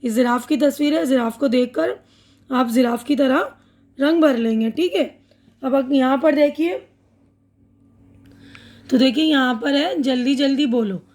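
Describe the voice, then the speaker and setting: A woman teacher giving a children's reading lesson, reading words slowly and then fast for repetition. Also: high-pitched, a little mellow. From India.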